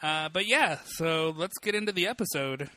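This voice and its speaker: A man's voice: on the high side, animated, normal speed, pushed and bright. A man co-hosting a podcast in casual chat, rambling with lots of fillers. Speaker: podcast co-host.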